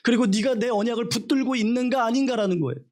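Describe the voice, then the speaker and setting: A man's voice: very high-pitched, fast, a little mellow. A male pastor preaching a sermon with emphatic rhetorical questions, acting out the voices of the people he quotes.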